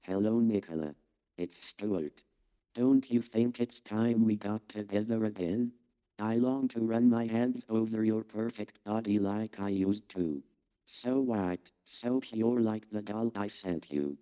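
An actor playing an obsessive, menacing admirer leaving a slow, longing message on an answerphone. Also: male voice, on the low side. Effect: answerphone playback. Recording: dull lo-fi answering machine playback.

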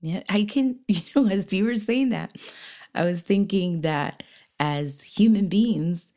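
A woman's voice: medium pitch, takes it slowly, dark tone. A woman in her forties co-hosting a relationship podcast, chatting casually, laughing easily and murmuring agreement. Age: 40s. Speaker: podcast co-host. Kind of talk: casual chat.

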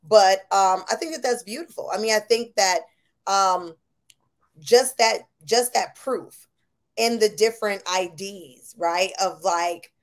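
A woman's voice: medium pitch, slow. A woman from Buffalo, New York, hosting a podcast in casual conversation, chatty and affirming with lots of fillers. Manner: chatty, affirming, full of you-know fillers. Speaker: podcast host.

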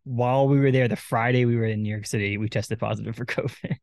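A man's voice: medium pitch, fairly even intonation, quick pace, a little mellow, dry recording. A man in his thirties from Maine, hosting a podcast in casual chat, rambling and laughing often. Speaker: podcast host.

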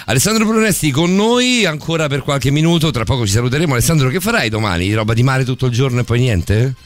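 A man's voice: mid-range voice, animated, fast talker. A man hosting a late-night radio show, joking and chatty, often restarting his sentences. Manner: joking, talkative, many restarts. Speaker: radio host. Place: radio studio.

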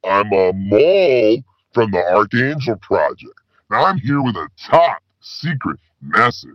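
A man playing a pitched-down slacker spy caller. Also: very animated, measured pace, no room sound. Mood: laid-back. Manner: stoner slang, rambling, laid-back. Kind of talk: comedy call-in sketch. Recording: dull lo-fi phone call.

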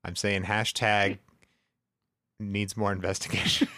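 A man co-hosts a casual podcast. He jokes around and laughs easily, and his voice has a bright, sharp edge. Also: mid-range voice, animated, normal speed. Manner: joking, laughs often. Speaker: podcast co-host. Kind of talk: casual chat.

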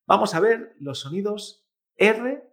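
A man leads a pronunciation lesson at an unhurried pace. His voice sits a little high, and he demonstrates each sound several times over. He checks in with learners after each example. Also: expressive, a bit bright. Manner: patient, demonstrates sounds by repeating them, frequent "¿eh?" tags. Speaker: Chinese language teacher.

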